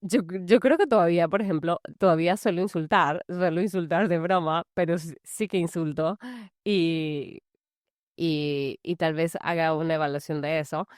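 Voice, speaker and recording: A woman coaches mothers on handling anger, speaking in a relaxed, rambling way with lots of filler phrases. Her voice sits a little low. The sound is dry, with no room echo around it. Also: moderate pace. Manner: loose and conversational, full of "es como" fillers. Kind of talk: casual talking-to-camera advice. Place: large house.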